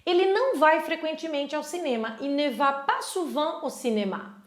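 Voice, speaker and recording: A woman's voice: high-pitched, animated, normal speed, roomy sound. A woman with a Brazilian Portuguese accent teaching French in a chatty, casual online lesson, often switching into French phrases.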